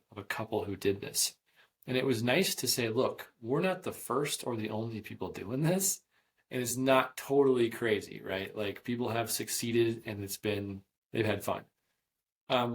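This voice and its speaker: A man in his thirties tells a road-trip story as a podcast guest. He talks in a loose, rambling way, full of "like" and quick restarts, at an ordinary middle pitch. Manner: chatty, rambling, lots of "like" and restarts. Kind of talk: casual storytelling interview.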